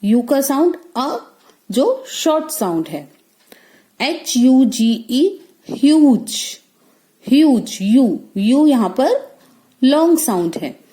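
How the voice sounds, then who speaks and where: A woman's voice: sits high, big pitch swings, slow, dark tone. A woman teaching a phonics lesson in Hindi, spelling each word letter by letter and then repeating it. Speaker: English teacher.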